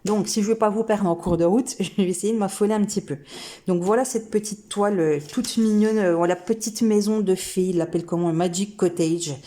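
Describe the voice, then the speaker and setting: A woman's voice: medium pitch, fairly even intonation, fairly quick, dark tone. A woman hosting a craft video, chatting casually and enthusiastically as she unboxes cross-stitch kits, thinking aloud with many hesitations. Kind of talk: casual unboxing chat to camera.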